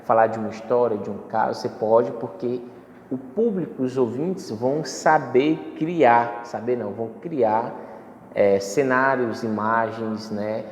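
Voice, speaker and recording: Speaking a little slowly in a mid-range voice, a man teaches public speaking step by step, his explanation dotted with fillers and self-corrections. Faint music plays behind him amid the echoey hall's faint ambience.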